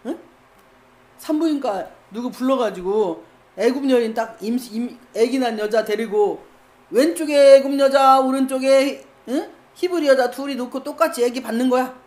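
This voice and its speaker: High-voiced woman preaching animatedly. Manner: animated storytelling, acts out scenes. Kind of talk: sermon.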